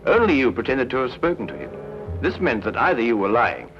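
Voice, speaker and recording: An actor playing a brisk, witty Victorian detective who lays out deductions in a cool, teasing, precise way. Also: male voice, medium pitch, wildly swooping pitch. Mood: calm. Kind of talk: 1950s TV drama acting. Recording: dull 1950s TV soundtrack with music.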